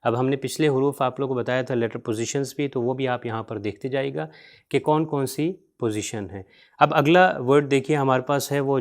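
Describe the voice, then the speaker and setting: A man teaching beginners to read, spelling out letters and vowel marks slowly, repeating each word and mixing in English terms. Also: medium pitch. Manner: mixes English words into his teaching. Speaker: Quran reading teacher. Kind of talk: spoken lesson.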